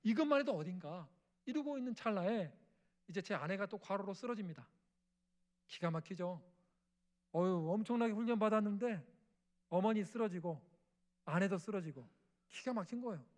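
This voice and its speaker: A man's voice: high-pitched, lively intonation, moderate pace, pauses often. A middle-aged male missionary preaching an emotional testimony sermon in a church, acting out family dialogue and prayers. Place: church sanctuary.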